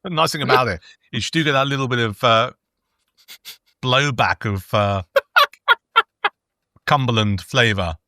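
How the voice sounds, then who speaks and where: A man's voice: medium pitch, a little slow, pauses often, pushed and bright, no room sound, studio quality. A man co-hosting a podcast, chatting easily about food, sometimes while eating. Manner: easygoing, chats while eating. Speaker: podcast co-host. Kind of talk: casual food review chat.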